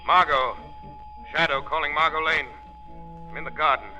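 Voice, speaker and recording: An actor playing a mysterious, taunting invisible avenger in theatrical 1930s radio style. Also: male voice, a little high, normal speed, pushed and bright, lo-fi sound, faint music behind. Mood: urgent. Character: mysterious, mocking invisible avenger, ominous male crime fighter. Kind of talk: 1930s radio drama acting. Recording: old 1930s radio recording.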